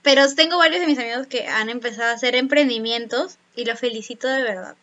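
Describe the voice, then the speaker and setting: A woman's voice: a little high, fast talker, sharp tone, muffled recording. A young woman, chatting and laughing with friends over a video call. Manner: chatty, laughing, tells stories. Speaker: podcast co-host. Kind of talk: casual chat among friends.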